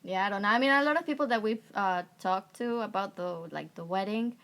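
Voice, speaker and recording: Woman, podcast co-host, casual chat, supportive, mid-pitched voice. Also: brisk, creaky, fairly bright tone. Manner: supportive listener, many short agreements.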